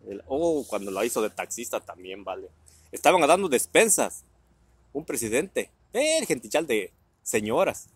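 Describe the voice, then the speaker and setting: A man's voice: medium pitch, very animated, moderate pace, breathy edge, dry recording. A man from Guerrero with a Mexican Spanish accent, telling family anecdotes in a casual way with crude slang and frequent laughs. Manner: laughing often, crude slang, acts out voices. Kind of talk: casual storytelling.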